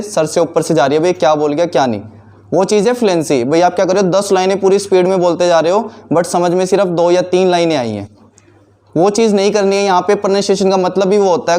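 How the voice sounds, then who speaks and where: Male instructor, high voice, quizzing himself as he explains to a class. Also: darkish tone. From India. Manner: explains by asking and answering his own questions. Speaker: teacher. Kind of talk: classroom teaching.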